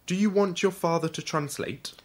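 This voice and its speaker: A man voicing a cheerful hotel manager in a slow storybook reading. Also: sits high, breathy edge, voice pushed up. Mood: jovial.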